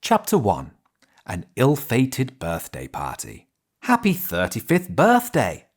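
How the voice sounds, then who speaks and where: A narrator in their early thirties reading a cozy tale aloud like a fireside storyteller, with expressive, nuanced delivery. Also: mid-range voice, takes it slowly. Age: early 30s. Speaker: game reviewer and channel host.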